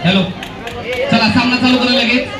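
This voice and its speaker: A man gives running cricket commentary over a PA loudspeaker at an outdoor ground, calling runs and no-balls loudly in a high voice. The sound echoes and reaches the mic from far off. A loud crowd and heavy noise sit behind him. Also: fairly even intonation, moderate pace. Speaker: match announcer.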